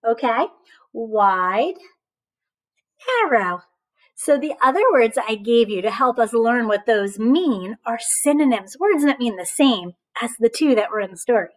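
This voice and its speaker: Here a woman speaks with a slightly high voice while reading a picture book aloud to young children as their teacher. She is energetic and encouraging, regularly asking questions and pausing for responses.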